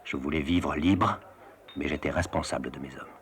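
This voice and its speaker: An actor giving a grave, reflective first-person voice-over as an adventurer. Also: male voice, very deep voice, moderate pace. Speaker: narrator.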